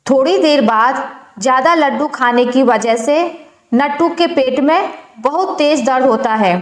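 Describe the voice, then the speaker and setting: Woman storyteller, high and unhurried, calm measured narration, echoey room.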